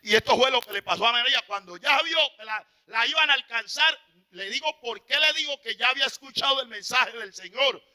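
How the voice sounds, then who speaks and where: A man preaching an impassioned sermon, swinging from loud exclamations to hushed, pleading asides. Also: extremely high pitch, brisk.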